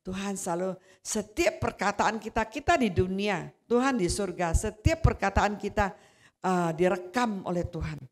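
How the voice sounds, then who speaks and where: In a mid-range voice and at moderate pace, a woman preaches, relating a personal testimony like a conversation. When she gets to retelling quarrels, she turns animated.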